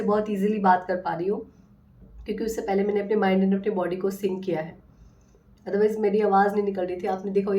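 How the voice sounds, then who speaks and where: Woman, healing coach, affectionate, earnest, mid pitch, slightly distant mic. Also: darkish tone. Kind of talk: casual motivational talk to viewers.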